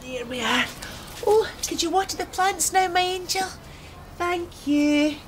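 A woman with a Scottish accent playing a warm-hearted older childminder who fondly coaxes the children in a children's TV show. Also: very high-pitched, a little slow, noisy background. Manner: fond and coaxing, calls the child darling. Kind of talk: children's TV acting.

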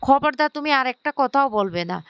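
A woman's voice: high-pitched, animated, fairly quick, dry recording, lo-fi sound, voice pushed up. Woman reading a stern angry man. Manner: scolding, forbidding.

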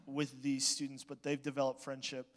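A man speaking as youth pastor, giving a heartfelt, halting address to graduating students. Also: medium pitch, completely flat delivery. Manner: emotional, halting, with frequent restarts. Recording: reverberant church hall.

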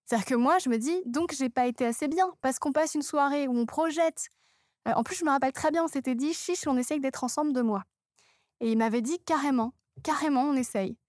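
Female comedian guest, higher voice, dry studio sound, candid self-mocking storytelling. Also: dry recording. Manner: animated, self-mocking, halting restarts.

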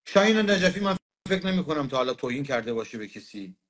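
A man's voice: medium pitch, sing-song, fairly bright tone. A man as a guest in a live-stream conversation, insistent and often cutting in.

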